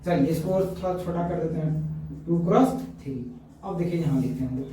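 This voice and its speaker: His voice is fairly high, a little fast and dark in tone. The man is teaching math at a board, asking question after question, answering them himself and correcting himself often. With the mic far away, the room sounds very echoey and carries faint noise.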